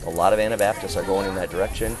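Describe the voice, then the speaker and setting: Amid crowd noise, a man with a low-sitting voice speaks very fast with fairly even intonation. His big, loud voice drives impassioned street preaching and open-air discussion, emphatic and declamatory, full of rhetorical questions.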